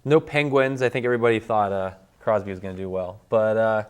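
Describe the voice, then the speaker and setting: Man, sports co-host, casual hockey recap, halting, joking, lots of fillers, smooth resonant voice. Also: on the low side, steady tone. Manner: halting, filler-heavy, jokey.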